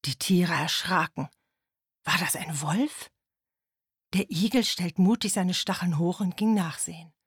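A woman reading a children's story aloud expressively, sometimes dropping to a soft whisper. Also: lowish voice, unhurried, husky, dry recording, studio quality.

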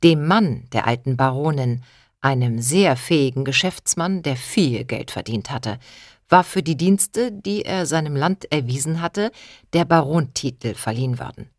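Low-voiced, expressive woman narrator. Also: unhurried, no room sound, studio quality. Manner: expressive first-person storytelling. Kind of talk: audiobook narration.

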